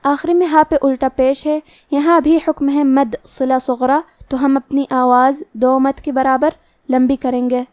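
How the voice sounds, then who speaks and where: Female recitation teacher, high voice, dry close recording, patient and methodical delivery. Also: flat delivery, darkish tone, no echo. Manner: slow, careful letter-by-letter explanation; slow melodic recitation. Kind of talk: tajweed lesson.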